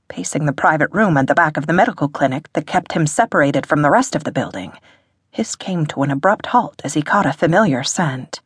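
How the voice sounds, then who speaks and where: Low husky lady reading an audiobook, dry close sound. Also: no room sound. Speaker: audiobook narrator. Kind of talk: scripted narration.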